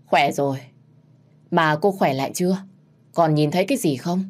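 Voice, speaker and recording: A woman's voice: low voice, normal speed. A woman voicing an older female village shaman who gives stern, instructive warnings. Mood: weary.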